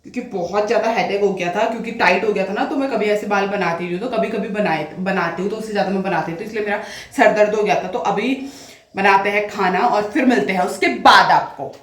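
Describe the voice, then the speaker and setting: A woman's voice: mid-range voice, fast, slightly rough. A woman, chatting in a rambling, casual way in a daily home vlog, often mixing in English phrases. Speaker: vlogger.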